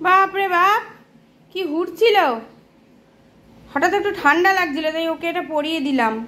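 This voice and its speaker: A woman's voice: extremely high pitch, moderate pace, pushed and bright, slight background noise. A woman from West Bengal filming a casual home vlog, talking to her toddler in a coaxing, sing-song way. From West Bengal, India. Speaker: vlogger and mother.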